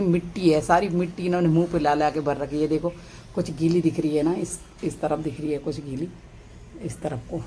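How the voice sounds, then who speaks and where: A woman from Uttarakhand with a Pahadi Hindi accent, vlogging from her sunny rooftop balcony on a phone camera, keeping her voice low and soft so she does not scare the birds. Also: a little hiss or hum. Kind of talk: casual vlog narration. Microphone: phone camera held by the speaker.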